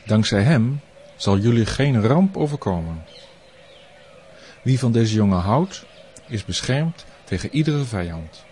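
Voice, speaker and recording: A man voicing a solemn, wise old grey-haired priest in a storybook reading, speaking earnestly and in hushed tones. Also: mid-range voice, sing-song, unhurried, a little hiss or hum.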